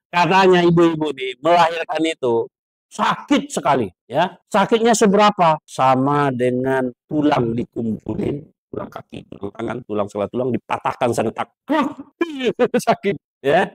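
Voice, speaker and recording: A man preaching to boarding-school students. He acts out scolding parents with sound effects and swings from loud raised lines to low hushed asides. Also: big pitch swings, a little slow, no echo. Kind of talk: sermon to students.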